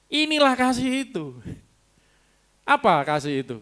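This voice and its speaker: A man preaching a sermon in a church, animated and emphatic, slipping in local words and short chuckles. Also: extremely high pitch, a little slow, clear, resonant tone. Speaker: pastor. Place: church sanctuary.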